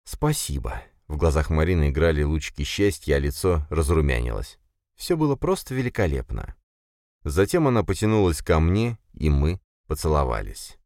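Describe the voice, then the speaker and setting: A man narrating a fantasy audiobook in the first person, in a steady, measured storytelling manner. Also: very deep voice, dry recording, studio quality.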